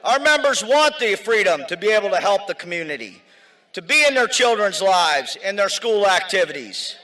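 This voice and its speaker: A union man gives a rally speech in a very high voice with a bright, forceful tone. He shouts slogan-like lines with emphasis, over faint outdoor noise. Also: very animated, moderate pace, low-quality recording. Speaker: union member speaking at a rally.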